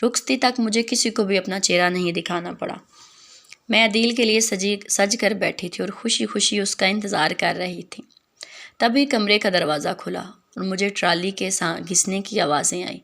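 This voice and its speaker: Gravelly-voiced woman telling a story. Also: mid-range voice, fairly bright tone. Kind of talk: first-person dramatic story narration.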